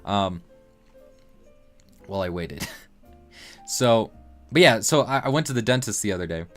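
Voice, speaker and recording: A man's voice: on the low side, expressive, measured pace, soft background music. A man in his late teens hosting a casual livestream, rambling along with lots of fillers and restarts. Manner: rambling, loose talk full of fillers and restarts. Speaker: livestream host.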